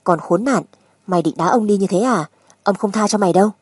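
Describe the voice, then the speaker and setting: A woman's voice: medium pitch, brisk, darkish tone, husky, no echo, close to an everyday voice. A woman narrator voicing a crude, spiteful gambler husband who speaks with mockery and menace in a dramatic audiobook. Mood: threatening.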